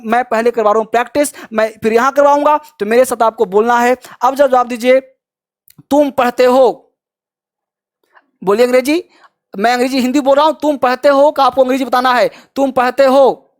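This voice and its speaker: A man teaching spoken English, drilling phrases slowly and repeating them, urging students to answer. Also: very high voice. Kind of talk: Hindi-language English lesson with drills.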